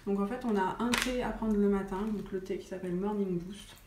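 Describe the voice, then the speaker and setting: A woman's voice: medium pitch, brisk. A woman vlogging about wellness in a casual chat to the camera, chatty and full of hesitations. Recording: roomy sound with faint noise.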